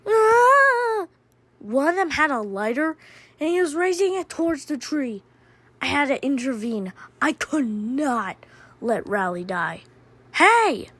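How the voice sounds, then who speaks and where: A woman with a high voice narrates a first-person diary story at a slow, unhurried pace. Her delivery is deadpan, letting each wild turn land flat. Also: no room sound.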